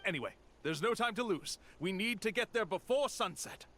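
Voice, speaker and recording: An actor playing a slick, bold con-man tour guide in a game, talking smoothly and theatrically. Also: sits high, lively intonation, moderate pace, a bit bright, no room sound. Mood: smug. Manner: smooth, theatrical, dramatic pronouncements. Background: game music.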